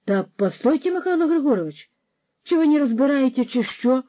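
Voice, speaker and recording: A woman's voice: sits high, animated, fairly quick, dry recording, muffled recording, pitched above the performer's own voice. A woman voicing a boastful, pushy young male ex-soldier who mixes Russian words into his speech, in a storybook reading. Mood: indignant.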